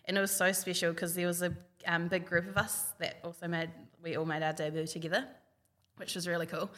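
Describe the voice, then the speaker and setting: Chatty New Zealand woman, bright voice. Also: lowish voice, flat delivery, fairly quick. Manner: chatty, full of "like" and reported speech. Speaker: guest, hockey player. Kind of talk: casual storytelling. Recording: long reverb.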